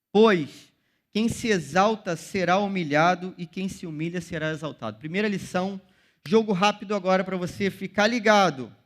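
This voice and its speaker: A young man with a Brazilian accent gives a sermon to teenagers. His voice sits high for a man, and he keeps it loose and chatty, dropping slang and calling the listeners "cara" as he goes. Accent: Brazilian Portuguese. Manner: casual slang-filled preaching, calls listeners "cara". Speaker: youth pastor. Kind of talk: youth sermon.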